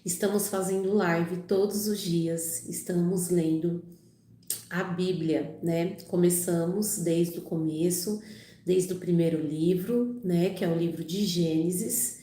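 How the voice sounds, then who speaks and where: This woman's voice sits on the low side, with a steady tone, a slow pace and a dark quality, heard in an echoey room. Still recovering from a cold that has left her voice a little off, she hosts a live channel where she reads the Bible aloud and chats. Her casual talk is full of "né" and "tá bom."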